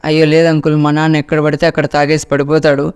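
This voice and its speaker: A man's voice: fairly high pitch, monotone, fast talker, darkish tone, smooth, lightly acted. A man voicing a young ghost girl who pleads and keeps calling him uncle, in a told ghost story. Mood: pleading.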